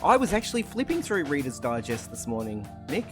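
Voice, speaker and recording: A man's voice: medium pitch, big pitch swings, fairly quick, over music. A man co-hosting a podcast in casual, bantering chat. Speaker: podcast co-host.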